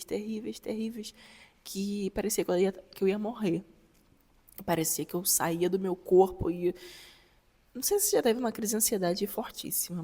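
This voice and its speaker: Young Brazilian woman, heartfelt testimony, creaky voice, reverberant room. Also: fairly low pitch, a little mellow. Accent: Brazilian Portuguese. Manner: emotional, repetitive, addresses viewers directly. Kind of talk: spontaneous personal testimony.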